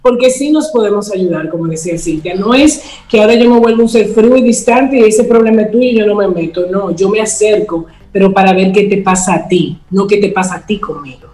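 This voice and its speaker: A woman speaking as a guest in a talk show, giving advice and acting out everyday quoted dialogue, slowing down to stress her points. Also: medium pitch, warm tone, reverberant, low-quality recording. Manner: acts out quoted dialogue, slows for emphasis.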